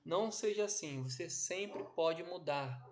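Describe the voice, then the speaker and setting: A man with a slightly high voice, teaching a class recorded at home. He speaks slowly and deliberately, stretching his phrases and checking in with listeners after nearly every point. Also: animated, a little mellow. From Brazil. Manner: didactic, drawn-out phrasing with frequent "ok?" and "né?". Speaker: instructor. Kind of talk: online lecture. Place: home office. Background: background noise.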